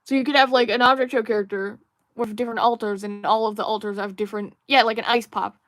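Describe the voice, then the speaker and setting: A woman's voice: on the high side, fairly even intonation, fast talker, a bit bright, no room sound, studio quality. A young woman hosting a casual livestream while drawing, musing and rambling with many fillers and restarts while she reads viewer chat aloud. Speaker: livestream host.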